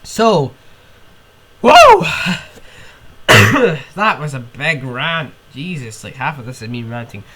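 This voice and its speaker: A young podcast host, ill with a cold, rambles and rants alone in casual chat with sniffs and swearing. His mid-range voice is bright and forceful at normal speed with few pauses, and there's a little hiss or hum.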